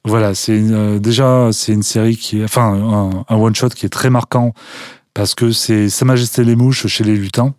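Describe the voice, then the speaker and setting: A man's voice: on the low side, fairly even intonation, normal speed, darkish tone, no echo, studio quality. A man speaking as a guest on a casual radio interview, enthusiastic but hesitant, with many fillers. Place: radio studio.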